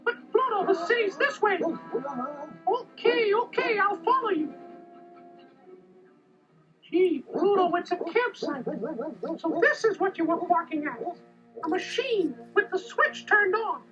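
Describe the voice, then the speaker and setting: Cartoon mouse, extremely high squeaky falsetto, plucky, earnest, kindly, storybook adventure, muffled tape, soft music. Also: male voice, lively intonation, unhurried, pauses often. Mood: eager. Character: plucky cheerful young male cartoon mouse, Mickey Mouse. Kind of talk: children's audio storybook acting. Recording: dull lo-fi tape, music behind.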